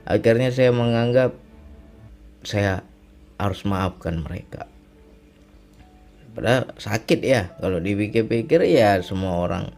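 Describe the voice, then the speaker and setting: A married man giving a reflective religious testimony, speaking slowly and often repeating phrases and asking "right?" as he tells of his illness and recovery. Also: on the low side, animated, darkish tone, faint music behind. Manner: reflective, repetitive, often ends with "ya kan". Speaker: speaker sharing a personal testimony.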